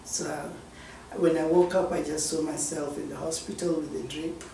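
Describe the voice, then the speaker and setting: A young man recounts his story in a steady, measured way. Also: on the high side, a little hiss or hum. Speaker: interviewee. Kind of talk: personal story for a documentary. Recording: echoey room, distant mic.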